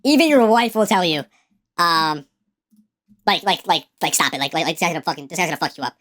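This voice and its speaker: A woman's voice: lowish voice, animated, fast talker, fairly bright tone. A woman giving casual reaction commentary on songs, slangy and profane, often repeating words as she stumbles. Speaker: music reaction streamer. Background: faint song playing.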